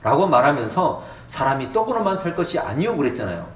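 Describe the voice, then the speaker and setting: A male pastor preaching a Sunday sermon with a Gyeongsang Korean accent, animated and acting out the quoted prayers and dialogue. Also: on the high side, fast. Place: church sanctuary. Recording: echoey church room.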